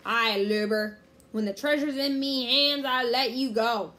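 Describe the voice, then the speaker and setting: A woman voicing a gruff, greedy male pirate captain who growls and roars orders, read from a storybook. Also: on the high side, unhurried, voice pushed up. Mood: growling. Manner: growling, roaring, shouts orders.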